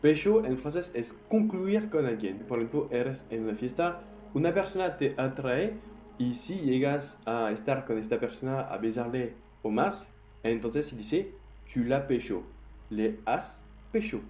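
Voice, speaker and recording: A man's voice: mid-range voice, animated, mellow. Man teaching slang in Spanish. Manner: non-native Spanish, repeats words slowly to drill them. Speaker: French teacher. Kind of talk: slang vocabulary lesson. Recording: roomy echo, faint music.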